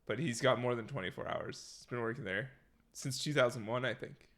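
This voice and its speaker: A man's voice: medium pitch, a little fast, fairly bright tone. A Canadian man co-hosting a podcast from home, chatting casually and laughing often as he tells stories. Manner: laughs often, playful storytelling. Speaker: podcast co-host. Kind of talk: casual chat. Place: home room.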